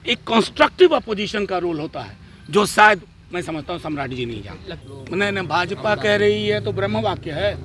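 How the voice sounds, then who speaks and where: A man's voice: sits high, animated, normal speed, crowd noise. A man, a party spokesperson giving a combative, sarcastic statement to reporters.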